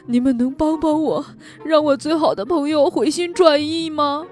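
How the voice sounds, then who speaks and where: A woman's voice: high voice, normal speed, soft background music, voice pushed up, lightly acted. A woman voicing an anxious little male gnome who swings from tearful to eager in a children's storybook. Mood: sad. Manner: loud, emphatic, fretful. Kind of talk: storybook read-aloud for children.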